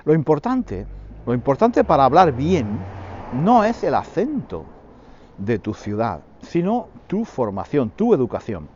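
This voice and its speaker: A man hosting a podcast lesson for Spanish learners, repeating phrases slowly for his listeners. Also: medium pitch, sing-song, a little mellow, muffled recording, slight background noise. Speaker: podcast host teaching Spanish.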